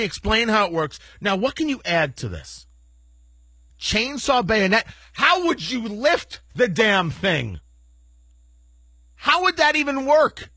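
A man's voice: high-pitched, sharp tone, husky, dry recording. A man hosting talk radio, delivering an indignant, sarcastic monologue. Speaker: radio talk show host.

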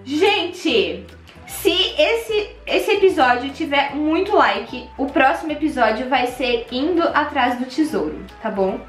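A young Brazilian woman with a Brazilian Portuguese accent, hosting an excitable Minecraft let's play and gasping at every find. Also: high voice, slow, reverberant, soft background music. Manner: excitable, gasping, squealing at finds. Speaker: gaming channel host.

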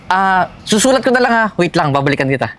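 A man's voice: high-pitched, big pitch swings, quick pace, fairly bright tone, slight background noise. An actor playing a polite, obliging neighborhood man who gives directions in a short film.

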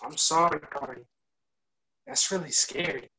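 Young man as earnest, gentle Solomon. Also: fairly high pitch, unhurried, full character voice, poor audio. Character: Solomon, calm peacemaking young man who has seen visions. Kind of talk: amateur videoplay acting. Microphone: video call.

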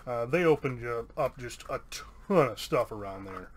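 Reading card names aloud in an upbeat, chatty manner, this American man hosts a casual YouTube pack-opening video. His mid-range voice is expressive and moves at a normal speed.

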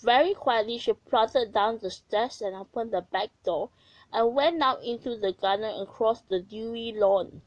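A woman narrating a children's story aloud in a gentle, expressive way. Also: a little high, measured pace, dry recording, dull audio.

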